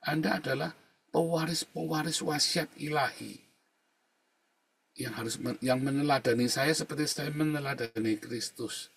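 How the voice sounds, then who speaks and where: Husky-voiced man preaching casually. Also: moderate pace. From Indonesia. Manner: conversational preaching, keeps adding "saudara ya"; swings from low murmurs to loud emphatic outbursts. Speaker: pastor. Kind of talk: sermon. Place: the Netherlands.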